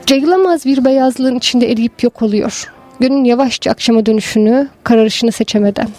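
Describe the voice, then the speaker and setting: A woman giving a slow, measured, lyrical literary narration of a story. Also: on the high side, darkish tone, soft background music. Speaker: story reader.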